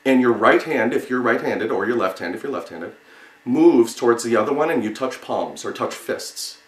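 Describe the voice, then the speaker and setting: Male instructor, slightly low voice, halting explanations, repeated single words, roomy echo. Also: expressive. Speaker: sign language teacher. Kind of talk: instructional lesson, demonstrating word by word. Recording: roomy, echoing sound.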